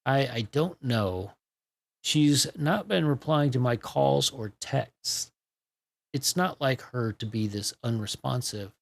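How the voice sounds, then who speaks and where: Man doing a worried polite husband, kinda gravelly, earnest pleading tone. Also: mid-range voice, slow pace. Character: anxious, polite husband worried for his wife.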